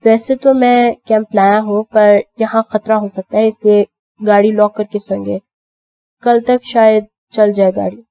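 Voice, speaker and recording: A protective young husband with a soft, teasing manner in a storybook reading, as a woman reads his lines. The voice is mellow and dark, recorded dry and close. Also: mid-range voice, fairly even intonation, dry recording, close to an everyday voice.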